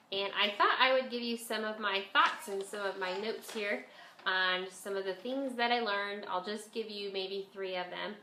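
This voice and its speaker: A woman's voice: medium pitch, pushed and bright. Congested woman vlogger, nose-pinched nasal sound. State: has a bit of a cold. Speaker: homeschool vlogger and mother. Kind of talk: casual chat to camera. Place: at home, indoors. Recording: echoey room, faint background noise.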